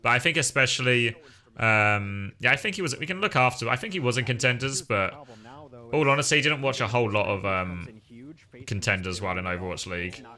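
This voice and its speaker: A man live-streams his casual reactions to an esports match while chatting with viewers. He's wry, sweary and excitable, with a medium-pitched voice and a slightly fast delivery.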